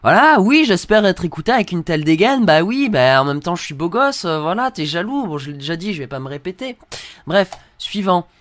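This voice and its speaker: Fairly quick and sing-song, this young video creator's voice sits high with a fairly bright tone. Recorded dry and close-miked, he mocks hateful comments ironically and reads them out in put-on voices.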